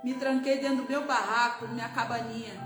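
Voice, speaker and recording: A woman's voice: a little high, fairly even intonation, a little fast. A middle-aged woman missionary with a Brazilian Portuguese accent gives an emotional testimony sermon, often breaking in with hallelujahs. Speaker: missionary preacher. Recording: roomy with music behind.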